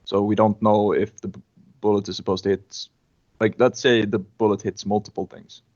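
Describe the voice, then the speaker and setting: A man's voice: fairly low pitch, flat delivery, normal speed, darkish tone, no room sound, muffled recording. Hesitant young man asking questions. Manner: hesitant, restarts while thinking aloud. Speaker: student.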